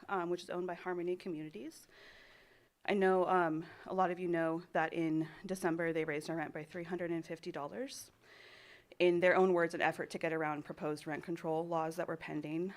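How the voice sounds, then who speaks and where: A woman's voice: lowish voice, steady tone, a little fast. A woman giving public comment at a county board meeting, a little out of breath, earnest and worried, with many um's.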